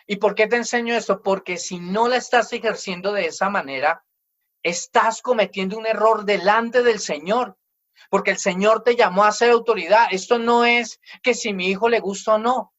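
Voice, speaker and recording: A man's voice: high-pitched, normal speed, a bit bright, lo-fi sound. Emphatic male pastor preaching. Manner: emphatic, acts out children's complaints in quoted voices. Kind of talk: sermon.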